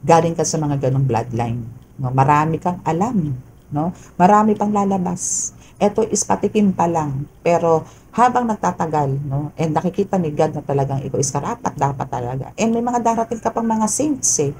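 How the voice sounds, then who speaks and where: Low, mellow woman tarot reader. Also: expressive, moderate pace, slight background noise, rough recording. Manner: chatty, peppers talk with "no?" and "okay?". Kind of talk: casual tarot reading monologue.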